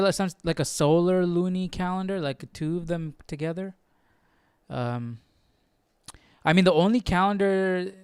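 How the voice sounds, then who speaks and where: Recorded close and dry with no room sound, the host of a casual Bible study stream muses to himself with informal curiosity, reading passages and articles aloud along the way. His voice is smooth, clean and fairly low.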